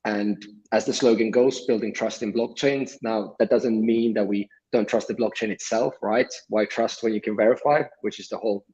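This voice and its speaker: A man from Sweden speaks as a guest over a video call, his voice sitting fairly low. He explains in a measured, steady way, with plenty of small filler words. The audio is dull and lo-fi, like remote call sound. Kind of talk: livestream interview.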